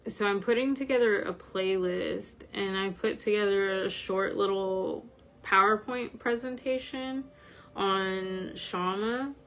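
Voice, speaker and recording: Woman, informal online group host. Tired, slightly croaky, very slow and even, over background noise. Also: mid-range voice. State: tired from medication. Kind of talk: informal livestream talk.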